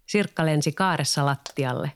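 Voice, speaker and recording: Man reading a children's story, slightly high. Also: smooth. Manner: even, storytelling. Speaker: narrator.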